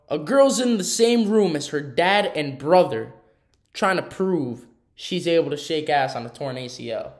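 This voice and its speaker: A man's voice: a little high, darkish tone. A young man giving casual reaction commentary in a slangy, exasperated, ranting way. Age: young adult. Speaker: host of a reaction channel. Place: small room indoors.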